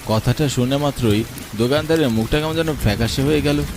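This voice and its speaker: A man with a medium-pitched voice reads a scripted first-person story fairly quickly, narrating it himself. The recording is clearly noisy, with rain and thunder sound effects behind him.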